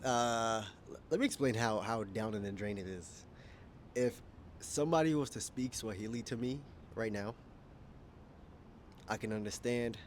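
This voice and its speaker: A young Kenyan man with an American accent vlogs casually to the camera from an outdoor rooftop, his voice on the low side with a faint hiss or hum. He rambles, corrects himself as he goes, and laughs often.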